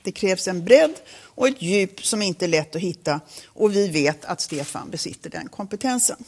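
A woman chairing a board, reading a prepared statement at a press conference in a formal, measured way with occasional self-corrections. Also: fairly low pitch, lively intonation.

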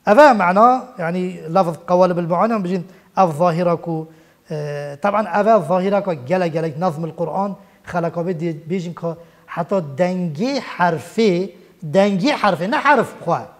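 A man with a Kurdish accent, a Quran teacher giving a religious language lesson, who repeats Arabic word forms slowly and with emphasis. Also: sits high. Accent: Kurdish (Badini).

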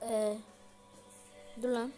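Woman creator narrating her own gameplay; high, slow, chatty delivery aimed at viewers. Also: flat delivery, dark tone, soft background music. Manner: chatty, slangy, talks straight to viewers. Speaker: gaming video creator. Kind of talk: casual gameplay commentary.

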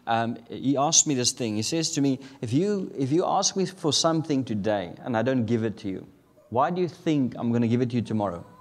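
Speaking into a handheld microphone in a large church sanctuary, this medium-pitched guest preacher is a man in his thirties from South Africa whose first language is Afrikaans. His accent is South African, and his sermon is peppered with chuckles that build to emphatic declarations.

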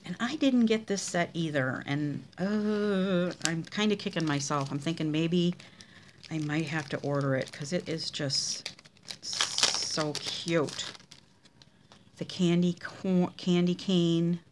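Slow and fairly low-pitched, this woman's voice carries slight background noise as she shows handmade cards in a craft vlog. Demonstrating her card swaps, she chats away and raves about each one.

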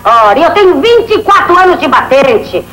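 An actress playing a brash, streetwise veteran brothel madam in a vintage film comedy, colloquial and boastful, with a Brazilian accent. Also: female voice, high voice, very animated, normal speed, a crowd in the background. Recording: noisy old film soundtrack.

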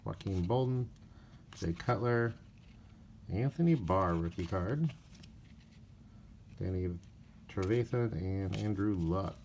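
Deep-voiced and a bit tired, a man casually narrates opening card packs on camera, taking his time and reading player names off in a flat list. Crinkling wrappers and clicking cards fill the background, and there is a little hiss or hum.

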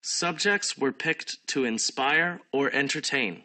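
A man reading an English listening exam passage in a measured, scripted way. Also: mid-range voice, pushed and bright. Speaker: exam audio reader.

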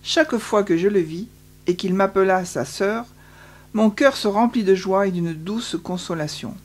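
Une femme qui lit une autobiographie à la première personne, d'une lecture calme, posée et pieuse. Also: female voice, mid-range voice, unhurried. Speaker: audiobook reader. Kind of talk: first-person autobiography reading.

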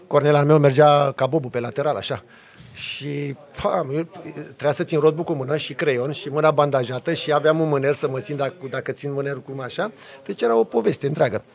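A man, a podcast guest, telling a lively story in a casual chat with vivid sound effects. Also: on the high side, creaky. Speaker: podcast guest, off-road driver.

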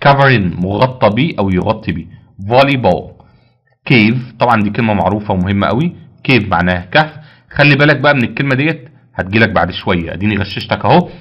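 A man's voice: lowish voice, animated, fast, lo-fi sound. A man with an Egyptian Arabic accent teaching English vocabulary, repeating each word and answering his own questions. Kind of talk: vocabulary lesson.

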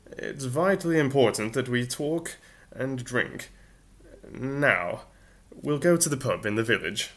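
A man's voice: medium pitch, expressive, unhurried, a bit bright. A man reading a storybook voices an urgent, distracted alien friend, talking in clipped, insistent lines.

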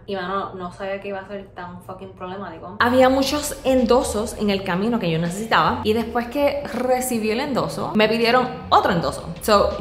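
A woman in her thirties from Puerto Rico with a Puerto Rican accent, talking frankly and animatedly to camera in a casual vlog, mixing in English and swearing. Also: mid-range voice. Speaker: vlogger. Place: open-plan office, indoors. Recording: roomy office echo, faint room noise.

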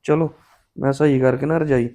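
Gravelly-voiced man, defensive and pleading. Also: medium pitch, steady tone, normal speed, mellow. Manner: defensive, pleading, hot-tempered. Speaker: young father in a family drama skit. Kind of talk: scripted family drama acting.

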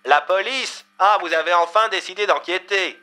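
A sharp-voiced woman on the phone, set well above a man's usual pitch, put on by a male storyteller. She answers each question with curt reproach, in a storybook audio drama. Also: moderate pace, clear, resonant tone, faint music behind. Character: adult woman on the phone from a university.

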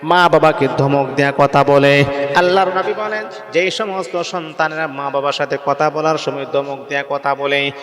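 A man from Bangladesh preaching a waz sermon, half sung and half spoken, moving from soft chanting to shouted exhortation. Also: a little high, steady tone, normal speed, in a large hall, a crowd in the background. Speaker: Islamic preacher.

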